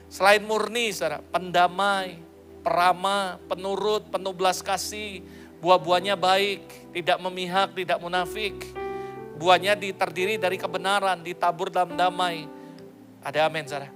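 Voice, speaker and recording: Pastor guy preaching, kinda high voice, joking around, tosses in english bits. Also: fairly even intonation, moderate pace, a bit bright, faint music behind. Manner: playful, jokey preaching with English phrases mixed in. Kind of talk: sermon.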